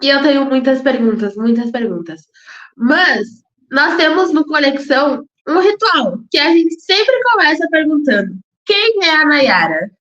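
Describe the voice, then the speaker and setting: Very animated and a little slow, this podcast host speaks in a high-sitting, fairly bright voice. She keeps her casual interview upbeat and chatty, frequently repeating words for emphasis, and the lo-fi recording sounds echoey and dull.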